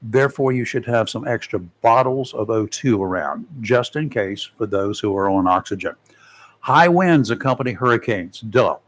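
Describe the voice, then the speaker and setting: A local radio talk show host, speaking from the studio at a moderate pace, reads safety tips aloud. His fairly low voice is animated, and he breaks in with folksy jokes as he goes.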